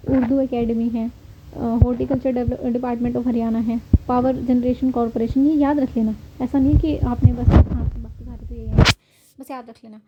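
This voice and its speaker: A woman from Haryana, India, with a voice on the high side, gives a casual lecture over slides for an online exam-prep class. She keeps it conversational and checks in often with her listeners. The recording is lo-fi, with background noise.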